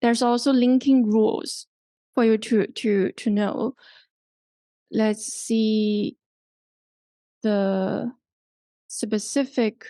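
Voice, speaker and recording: Slow halting woman teaching English. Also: fairly high pitch, steady tone, dark tone, no room sound. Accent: Hong Kong English. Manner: halting, fills gaps with "like" and "okay". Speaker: English workshop instructor. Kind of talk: teaching a live workshop.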